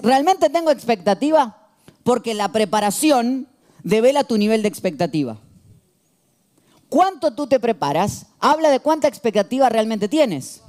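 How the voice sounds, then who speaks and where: Animated Argentine preacher man in his thirties. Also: extremely high pitch. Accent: Argentine Spanish. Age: 30s. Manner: animated and humorous, acts out shouted quotes. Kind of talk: sermon.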